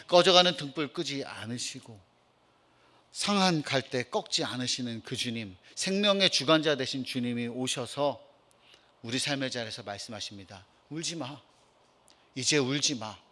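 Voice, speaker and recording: A male pastor preaching a sermon, swinging from emphatic rising lines to soft, hushed passages. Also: medium pitch.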